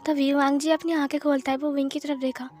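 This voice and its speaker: A woman's voice: high-pitched, flat delivery, fast talker, darkish tone. A woman narrating a fan-fiction story, retelling it plainly scene by scene.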